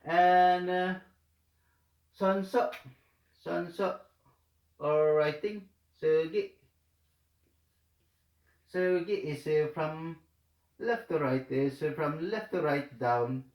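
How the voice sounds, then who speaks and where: The speaker is a male Korean language tutor leading a step-by-step writing lesson, his pace slow and halting, with repeated phrases and filler. His voice is slightly high but darkish in tone, heard in an echoey room.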